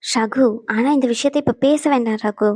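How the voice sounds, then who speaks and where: Cartoon role: woman voicing peacemaking young wife, calm, close dry sound. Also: fairly high pitch, normal speed, no room sound, lightly acted. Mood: placating. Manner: patient, placating. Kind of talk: cartoon voice acting.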